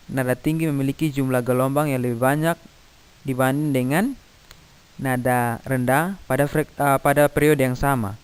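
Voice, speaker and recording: A middle-aged man, patiently explaining a physics lesson to children, pausing and singing note names to demonstrate. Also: fairly high pitch, clean tone. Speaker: teacher.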